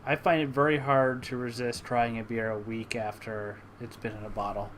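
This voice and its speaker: A man's voice: mid-range voice, little pitch movement, moderate pace, fairly bright tone, a little hiss or hum. A young man hosting a casual home-brewing chat, easygoing and self-deprecating, who chuckles often. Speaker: channel host.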